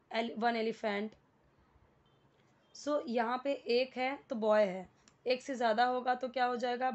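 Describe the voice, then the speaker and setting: A woman's voice: on the high side, darkish tone, muffled recording. A woman with an Indian accent teaching beginner English, explaining a worksheet patiently and spelling words out letter by letter.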